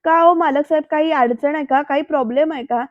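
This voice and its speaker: A woman's voice: high voice, fast talker, dry recording, lightly acted. A woman voicing a respectful, eager male employee talking to his boss, on a dull, dry recording. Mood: deferential. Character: deferential male business employee.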